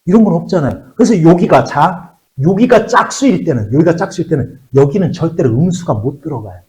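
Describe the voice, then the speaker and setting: A man teaching a math class to high school students, often repeating key words and checking that they follow. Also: lively intonation, a little fast, darkish tone, low-quality recording.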